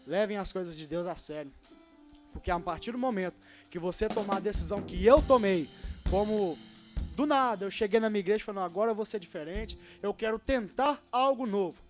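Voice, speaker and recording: A man in his twenties from Brazil preaching a sermon and telling his own story, swinging between loud and hushed. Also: sits high. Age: 20s. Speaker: young preacher. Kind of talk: sermon with personal testimony.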